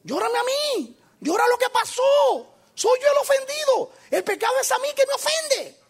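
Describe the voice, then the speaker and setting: A man acting out God as a wounded, offended deity, speaking in a high, anguished voice that rises to shouting. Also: big pitch swings, normal speed, vocal fry, heavily acted.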